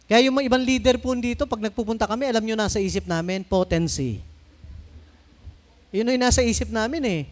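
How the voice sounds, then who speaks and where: High-voiced Filipino pastor preaching. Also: male voice, brisk. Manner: conversational preaching mixing in English, asks the congregation for responses. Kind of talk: sermon.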